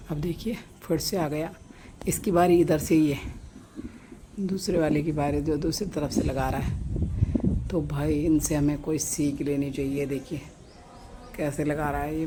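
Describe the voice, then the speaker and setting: A woman from Uttarakhand with a Pahadi Hindi accent, vlogging from her sunny rooftop balcony on a phone camera, keeping her voice low and soft so she does not scare the birds. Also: slight background noise. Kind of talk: casual vlog narration. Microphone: phone camera held by the speaker.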